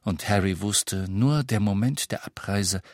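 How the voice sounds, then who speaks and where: A man reading an audiobook in an even, measured storytelling voice. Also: fairly low pitch, no echo, clean studio sound. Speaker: audiobook narrator. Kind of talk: audiobook narration.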